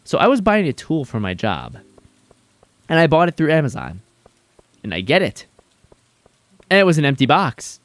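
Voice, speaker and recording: A male streamer telling stories in casual chat while gaming, animated and swearing freely. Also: on the high side, moderate pace, pauses often, no room sound.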